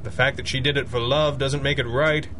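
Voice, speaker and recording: Over background noise, an actor plays an authoritative male masked detective from a thirties radio serial. He speaks in a measured, formal way, as a cerebral hero used to command. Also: mid-range voice, fairly even intonation, bright, forceful tone, close to an everyday voice. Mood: calm, reflective. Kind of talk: 1930s radio adventure acting.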